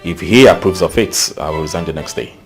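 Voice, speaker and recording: An actor with a Nigerian accent playing a deferential, defensive company manager in a film drama. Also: male voice, low-pitched, a little fast, over music, close to an everyday voice. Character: company manager, guarded middle-aged man.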